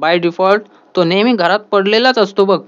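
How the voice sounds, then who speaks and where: A man voicing a loud, mocking young woman. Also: high-pitched, a little slow, dull audio.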